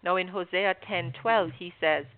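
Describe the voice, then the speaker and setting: A woman's voice: fairly low pitch, normal speed. Earnest woman teaching on a phone line. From Jamaica. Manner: earnest, instructive. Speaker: host.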